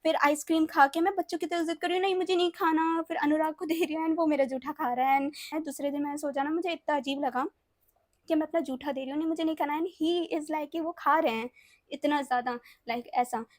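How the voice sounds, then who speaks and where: A young woman tells a personal story in a casual vlog, with a very high voice. She chats freely, mixes English phrases into her Hindi and repeats words as she goes. Her voice sounds dry and close. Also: steady tone, fairly quick, no echo. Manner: repeats words, often checks in with the listener. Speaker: storytime vlogger.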